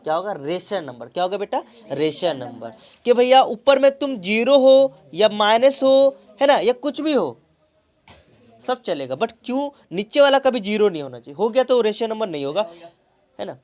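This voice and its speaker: A man's voice: high-pitched, sing-song, moderate pace, darkish tone. Man tutoring with call-and-response questions. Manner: affectionate terms for pupils. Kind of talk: classroom math lesson.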